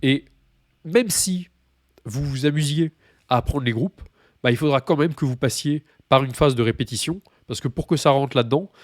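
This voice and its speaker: A man gives an informal language lesson in a voice of ordinary pitch. He explains patiently, often pausing, restarting and repeating key points. The recording is dry and close, with no room sound. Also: no echo. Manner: informal and repetitive, with many hesitations. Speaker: language teacher.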